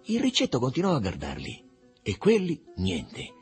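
Husky man reading a novel aloud. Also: mid-range voice, moderate pace, soft background music. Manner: expressive, varied delivery. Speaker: narrator. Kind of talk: literary audiobook reading.

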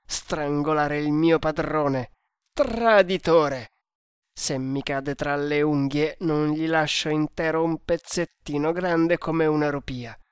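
A man reading aloud and voicing a loyal, excitable young servant who talks in emotional, indignant outbursts. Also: a little high, smooth, no echo, studio quality.

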